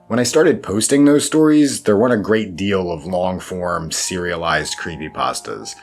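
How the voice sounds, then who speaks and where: The interview guest, a horror fiction writer, speaks at a moderate pace in a low voice. He answers reflectively and thoughtfully, poking fun at himself and adding wry asides, while background music plays.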